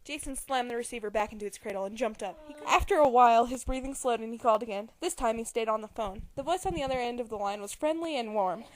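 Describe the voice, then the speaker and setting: Reading a novel aloud in amateur dramatic fashion, a young woman speaks in a highish voice at a quick clip with few pauses. She giggles and trips over words, and the audio quality is poor.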